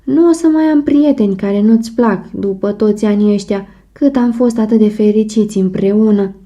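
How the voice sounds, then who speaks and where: A woman narrates an audiobook, voicing a distraught, jealous wife who wails and begs through tears in hysterical pleading. Her tone is warm and only lightly acted, yet the delivery turns shrill. The recording sounds muffled.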